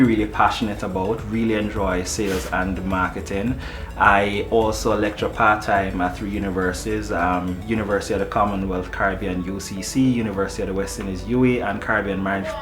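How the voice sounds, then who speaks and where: A man who works as a marketing manager, answering interview questions in a relaxed way, often repeating words as he starts a thought. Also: lowish voice. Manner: easygoing, halting with repeated words. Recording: echoey room with music behind.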